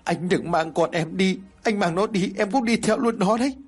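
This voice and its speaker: Man doing a crying young widow, high and desperate, husky. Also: normal speed. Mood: begging. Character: young widowed mother, frantic with grief.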